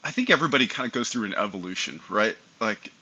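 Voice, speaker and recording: A middle-aged man, an airline pilot guest on an aviation podcast, telling his story in an animated, conversational way. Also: lowish voice, fast, slightly rough, low-quality recording. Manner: animated, acts out remembered dialogue. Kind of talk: casual interview storytelling.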